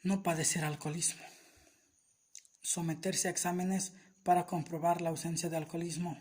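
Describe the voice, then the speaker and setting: A man reading aloud a summary of a law in a formal, steady, list-like way. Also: fairly high pitch, normal speed. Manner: steady, even, list-like delivery. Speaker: reader of a legal summary. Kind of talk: formal reading of legal text.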